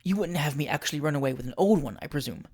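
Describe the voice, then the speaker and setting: In a period storybook, a narrator voices a wealthy forty-year-old lady who is cool and scheming. She speaks quietly, measured, dry and imperious, in a mid-range voice with lively intonation.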